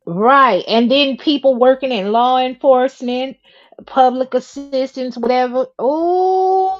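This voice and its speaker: Woman co-host, high teasing voice, slightly dull recording. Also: steady tone, a little slow. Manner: playful, teasing. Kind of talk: casual panel chat.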